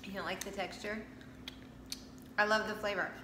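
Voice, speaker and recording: A woman's voice: medium pitch, flat delivery, normal speed. A middle-aged woman, the vlogger's mother, chatting enthusiastically about candy while chewing, trailing off mid-sentence. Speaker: vlogger's mother, guest taster. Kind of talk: casual taste-test chat. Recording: echoey room with clear background noise.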